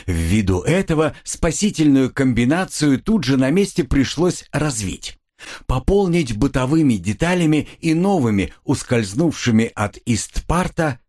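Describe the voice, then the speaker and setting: A man narrating a classic novel as an audiobook in a lively, expressive reading. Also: mid-range voice, moderate pace. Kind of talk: scripted literary narration.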